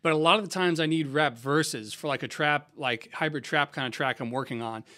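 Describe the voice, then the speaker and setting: A young man from San Diego, a music producer hosting a casual software tutorial in a laid-back, slangy, conversational way. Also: a little high, a little fast. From San Diego, USA.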